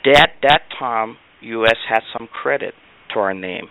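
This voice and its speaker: A man speaking as a guest analyst in an interview, measured and emphatic, with frequent fillers. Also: mid-range voice, bright, forceful tone, clear, resonant tone, no echo, rough recording. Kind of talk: interview commentary.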